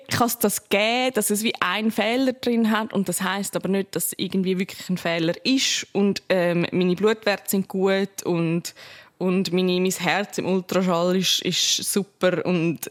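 A woman's voice: medium pitch, fairly even intonation, normal speed. A Swiss German woman on a casual podcast talks through a tense personal episode, emotional and often breaking into laughter. Her voice sits in a middle register. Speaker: podcast co-host. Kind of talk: casual chat.

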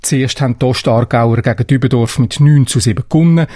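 A man's voice: medium pitch, fairly quick, dark tone, no room sound, clean studio sound. A man reading scripted regional news on the radio.

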